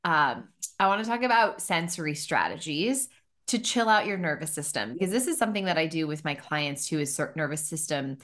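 Low-voiced, affirming woman podcast host. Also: animated, fairly quick, a bit bright. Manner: emphatic, affirming, repeats "so good". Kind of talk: casual podcast conversation.

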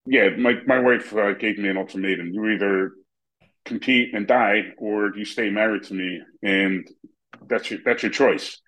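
A man in his fifties hosting an interview, plain-spoken and relaxed, with short affirmations. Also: fairly low pitch, normal speed, rough recording. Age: 50s. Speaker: interviewer, host. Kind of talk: casual interview talk.

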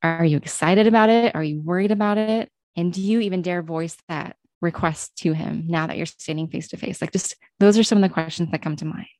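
A woman with a somewhat low voice speaks earnestly, stacking reflective questions and casual "like" fillers. The sound is dry and close, with no room around it. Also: a little mellow, no echo. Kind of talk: reflective Bible teaching chat.

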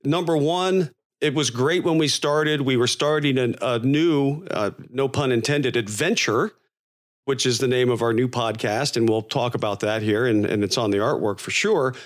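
A man's voice: mid-range voice, moderate pace. A man co-hosting a podcast in casual conversation, wordy and thinking aloud as he goes. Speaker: podcast co-host.

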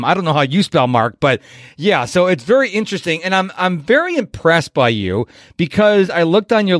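A man hosting a podcast, talking with energetic enthusiasm and lots of swing in his voice. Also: high voice, no echo, studio quality. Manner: energetic, animated, enthusiastic delivery. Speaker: podcast host. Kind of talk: upbeat podcast interview.

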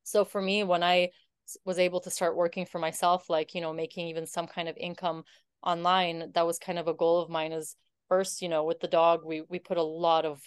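A woman's voice: on the low side, flat delivery, brisk, clean tone, no echo. A woman guest in her thirties telling her story in a casual interview, earnest and heartfelt, with many fillers. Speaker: podcast guest.

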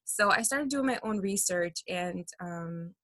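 A woman guest on a podcast, an artist and crystal healer, speaks casually in a fairly low, animated voice that runs a little slow and a bit bright. She uses "like" and "you know" often, and the studio-quality recording has no echo.

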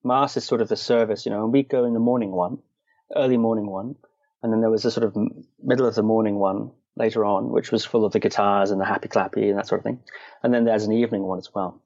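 Telling stories in a conversational interview, this Shetland Islander, a guest who practises meditation and martial arts, speaks hesitantly and qualifies his words, with dry, wry humour. His lowish, slightly mellow voice holds a steady tone at a quick pace. The sound is lo-fi with no echo.

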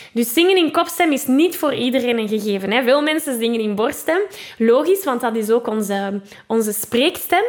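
Woman, Flemish accent, singing teacher, fairly high voice, patient explaining, sung demos. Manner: explains patiently, with frequent "hè" tags and sung vocal examples. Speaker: singing teacher and podcast host. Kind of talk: spoken vocal lesson with sung demonstrations.

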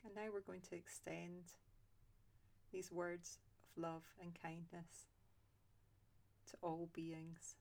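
Female meditation guide: low and steady, soft and unhurried, long calm pauses. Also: creaky. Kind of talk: guided loving-kindness meditation.

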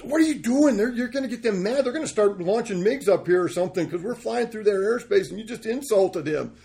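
A man voicing an alarmed airline captain who scolds his copilot in a loud, high, urgent voice. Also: lively intonation, fairly quick, creaky.

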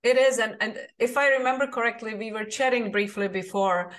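A woman's voice: fairly high pitch, steady tone, brisk, a bit bright. A woman with a Czech accent hosting a podcast interview, upbeat and inviting, with emphatic delivery. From Czech Republic. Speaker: podcast host. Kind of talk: podcast interview with scripted intro.

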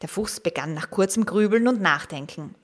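A woman narrating a children's story gently, speaking directly to the young listener. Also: medium pitch. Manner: slow, gentle, addressing the young listener, at times whispering.

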